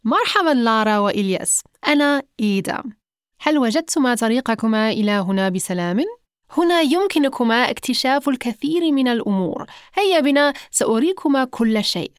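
A woman's voice: a little high, expressive, brisk, smooth, no room sound, studio quality, lightly acted. A woman voicing a cheerful, welcoming grandmother in a children's story.

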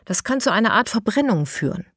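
A woman voicing a knowledgeable girl who calmly explains things, in a storybook reading. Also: a little high, a little fast, dry recording, clean studio sound, voice pushed up. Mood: explaining. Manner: explaining, cautionary.

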